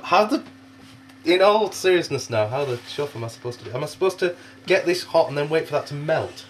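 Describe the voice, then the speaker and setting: A man's voice: a little high, expressive, brisk, slight background noise. A young man, cooking on camera and grumbling in bemused, exasperated chat. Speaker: amateur cook.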